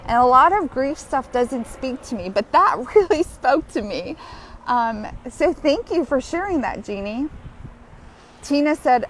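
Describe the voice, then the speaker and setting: A woman speaks slowly and with feeling, her voice sitting a little high, as she hosts a grief healing session live on her phone. She chats warmly with viewers and often slips into laughter. Faint noise from outdoors sits behind her. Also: lively intonation. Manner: heartfelt, chatty, breaks into laughter. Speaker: grief support host. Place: outdoors, walking.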